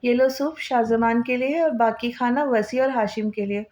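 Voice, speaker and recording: A woman's voice: a little high, steady tone, normal speed, a little mellow, natural voice. A woman reading the part of a worried middle-aged mother who scolds and pleads tearfully.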